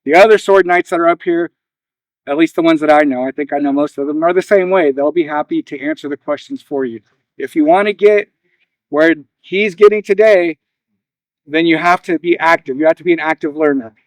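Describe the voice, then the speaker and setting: Male speaker, slightly high voice, earnest and encouraging, informal speech to a gathering, dry sound. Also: a little fast, dry recording, rough recording. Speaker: ceremony speaker. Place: live gathering, recorded on video.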